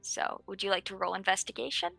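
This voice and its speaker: A woman narrating a tabletop game as game master, setting scenes in an unhurried, descriptive way. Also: medium pitch, gravelly, bright, forceful tone, faint music behind, poor audio.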